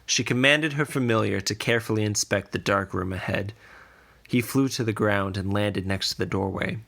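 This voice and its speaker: A male podcast narrator delivers a scripted fantasy adventure, his sentences slow and deliberate. The voice is deep, creaky and gravelly, with a slightly bright quality.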